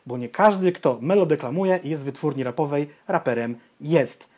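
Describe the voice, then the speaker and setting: This podcast co-host is a young man whose voice runs a little high at a moderate pace. Opinionated and blunt, he gets ranty and animated, cursing freely as they chat casually.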